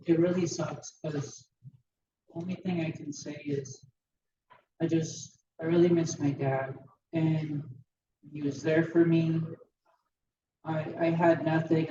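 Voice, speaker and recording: A young adult mourner speaking unscripted about a father figure, halting and emotional while holding back tears. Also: medium pitch, dark tone. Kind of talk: unscripted eulogy. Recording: echoey hall from far off, dull, noisy.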